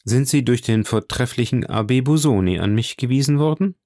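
A man's voice: medium pitch, expressive, a little fast, mellow, no room sound, studio quality, pitched above the performer's own voice, lightly acted. A man voicing a suave, assured count. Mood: assured, courteous. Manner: smooth, assured and courteous. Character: suave commanding count, polished and smiling.

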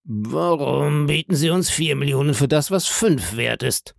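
A man's voice: on the high side, lively intonation, vocal fry, no room sound, pitched above the performer's own voice. A man voicing a cool bandit chief. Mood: calm. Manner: unhurried, dry and mockingly courteous. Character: calm, cool male bandit chief, phlegmatic and polite. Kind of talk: audiobook reading.

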